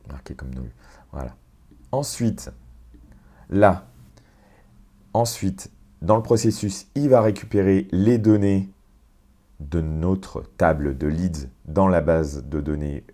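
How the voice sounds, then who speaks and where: A man walking through a software automation on screen, explaining step by step with fillers and self-corrections. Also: low voice, slow, pauses often. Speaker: tutorial presenter. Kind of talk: screen-share software walkthrough.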